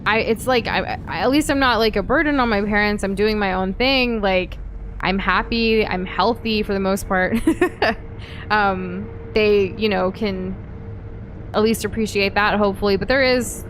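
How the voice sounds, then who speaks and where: A mid-range, slightly bright voice at a measured pace belongs to a young US woman co-hosting a game stream, with a little hiss or hum audible. Casual and candid, she reads viewer comments aloud amid frequent fillers and restarts.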